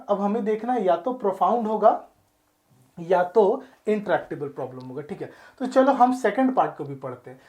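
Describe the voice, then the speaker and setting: A woman teacher working through exam questions step by step. She reads each question aloud slowly and checks in with her listeners often. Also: medium pitch, warm tone. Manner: explains step by step, checks in often with filler phrases. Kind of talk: explanatory video lesson. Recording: roomy echo.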